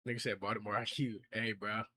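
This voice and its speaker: A man's voice: lowish voice, level tone, quick pace, background noise. A man in his twenties, casually chatting on a livestream in heavy slang, reacting to and reading out viewer comments. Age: 20s. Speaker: streamer.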